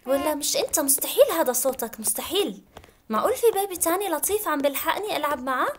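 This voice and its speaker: Fast, high-voiced excitable woman gamer. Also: a little hiss or hum. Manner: excitable, shrieks and laughs often. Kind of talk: let's play commentary.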